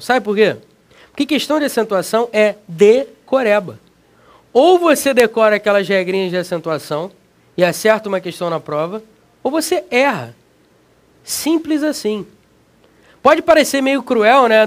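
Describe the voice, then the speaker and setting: A man with a Brazilian Portuguese accent teaching an energetic exam-prep video lesson, slangy and emphatic, talking straight to the student. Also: high-pitched.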